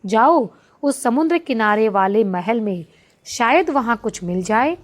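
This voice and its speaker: A woman voicing an irritable male yogi who scolds loudly in a raised voice. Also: on the high side, lively intonation, unhurried. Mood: scolding. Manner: scolding, loud.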